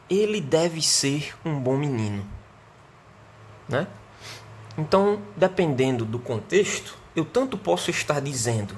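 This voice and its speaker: With slight background noise behind him, a Brazilian man of medium pitch gives an online English grammar lesson in a Brazilian Portuguese accent. He's patient, repeatedly asks "né?" and "certo?", and slows down to demonstrate the English sentences.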